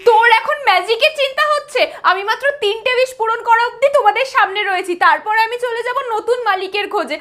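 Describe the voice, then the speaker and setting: A clumsy young genie girl, played by a woman with a very high, piping voice, making grand theatrical declarations and whining about being stuck. It is a home family comedy skit. Background music plays clearly under her lines. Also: fast, few pauses, fairly bright tone. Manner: dramatic and whiny, theatrical declarations. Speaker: elder daughter turned genie.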